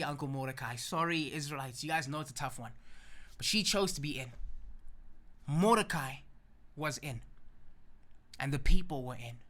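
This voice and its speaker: Bright-voiced man preaching a sermon. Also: a little high. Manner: energetic storytelling, emphatic.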